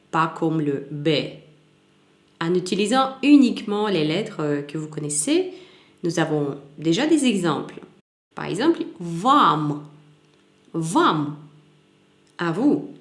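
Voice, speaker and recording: A woman teaching a language lesson, slowly repeating each example word so it can be copied. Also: lowish voice, a little mellow. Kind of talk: slow spoken language lesson. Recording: roomy echoey room.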